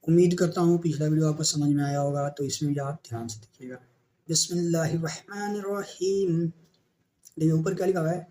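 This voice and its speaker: A male teacher giving a beginner Urdu reading lesson with an Indian Urdu accent, spelling out letters and syllables slowly and asking questions he answers himself. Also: on the high side, a little mellow, a little hiss or hum.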